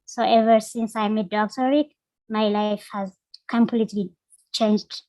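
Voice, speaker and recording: A young woman from Ethiopia, a guest on an interview podcast, telling her life story in an earnest, halting way, with many fillers. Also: medium pitch, flat delivery, warm tone, dry recording, rough recording. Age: young adult. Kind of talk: personal storytelling.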